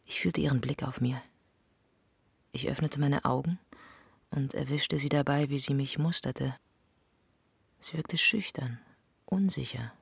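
Woman reading an intimate monologue, half whispered, raspy with some fry, dead dry sound. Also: rumbling low, measured pace, pauses often, no room sound. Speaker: narrator. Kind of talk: literary first-person monologue.

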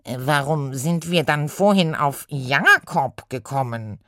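A woman voicing Remus, an excitable bearded fantasy inspector with hooves, in a radio play. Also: deep voice, slow pace, no room sound, studio quality, heavily acted. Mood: puzzled.

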